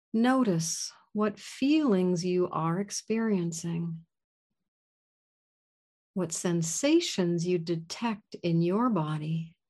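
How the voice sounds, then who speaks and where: Slow, soft-spoken woman guiding meditation. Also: lowish voice. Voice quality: soft and soothing. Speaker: meditation guide. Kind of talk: guided meditation.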